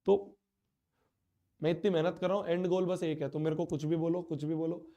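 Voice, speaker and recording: A man's voice: a little high, little pitch movement, fairly quick, warm tone. A young man teaching a live online class, speaking with hurt feelings and repeating himself, his nose and throat blocked. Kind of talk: live class address to students.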